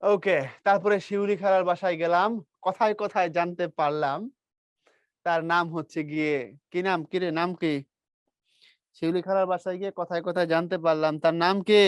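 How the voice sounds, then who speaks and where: A man teaching a grammar lesson to a class in a lively, teasing way, quizzing his students. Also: high-pitched, a little fast, clean tone, no echo, dull audio.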